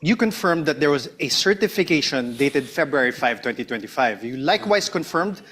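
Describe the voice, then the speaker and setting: Higher-voiced male lawyer questioning in a courtroom. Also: lively intonation, a little fast, fairly bright tone, slightly rough. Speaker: defence counsel cross-examining a witness.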